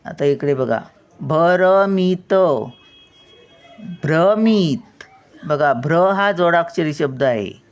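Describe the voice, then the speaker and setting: A woman's voice: deep voice, animated, normal speed. An older woman teaching a spelling lesson, patiently sounding words out syllable by syllable.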